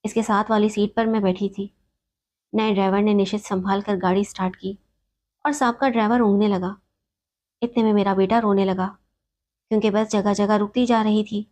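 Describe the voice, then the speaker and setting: A woman telling an emotional story in the first person, reading in a steady, sorrowful way. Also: mid-range voice.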